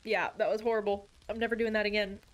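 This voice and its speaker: A woman's voice: medium pitch, little pitch movement, fast talker. A young woman streaming a game, chatting casually with viewers in a bubbly, chatty way and laughing often. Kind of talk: casual live-stream chat.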